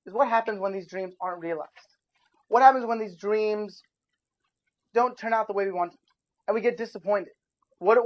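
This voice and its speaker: Casual young preacher, lo-fi sound. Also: male voice, sits high. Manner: casual, talks with his audience, animated asides. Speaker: youth pastor. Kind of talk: informal sermon. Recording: dull lo-fi recording.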